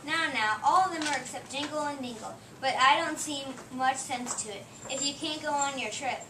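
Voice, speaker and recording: A woman's voice: sits high, moderate pace, close to an everyday voice. A woman playing a fussing, bossy Mrs. Claus who scolds her husband in an amateur play reading. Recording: echoey room, distant mic, noise.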